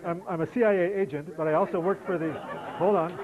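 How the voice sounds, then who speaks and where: A man's voice: sits high, steady tone, fast talker, narrow, tinny audio, a crowd in the background. A middle-aged American man answering audience questions after a lecture, conversational and wry, with frequent restarts. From United States. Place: lecture hall.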